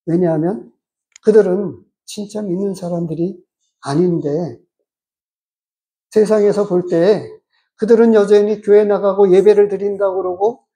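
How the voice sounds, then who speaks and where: A pastor giving a measured, explanatory sermon and asking the congregation rhetorical questions. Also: medium pitch, fairly even intonation, warm tone.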